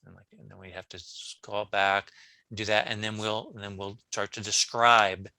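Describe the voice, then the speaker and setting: A man, a brain coach on a podcast, talking casually in an interview, telling animated stories with frequent restarts. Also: fairly low pitch, normal speed, vocal fry, no room sound. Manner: animated storyteller, many restarts.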